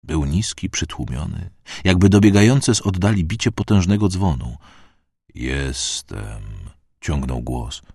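A huge otherworldly voice speaks very low and quiet, muffled and slow, like a bell tolling far off, as a male narrator puts it on. The tone is husky and dry. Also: expressive, dry recording, exaggerated voice. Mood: ominous. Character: vast inhuman voice, low and muffled like a distant bell.

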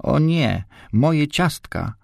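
A man's voice: a little slow, breathy edge, no echo, clean studio sound, heavily acted. A man reading a storybook, voicing a tearful little girl who loves her snacks, with a raised, dramatic voice. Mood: excited. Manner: high, sobbing, then excited.

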